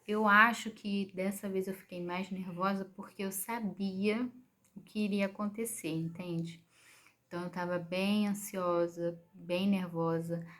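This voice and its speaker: A young woman from Brazil calmly recounting a personal experience in casual storytelling, often adding little tag questions. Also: mid-range voice. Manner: calm, gentle retelling with frequent "né?" tag questions. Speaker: vlogger telling her birth story.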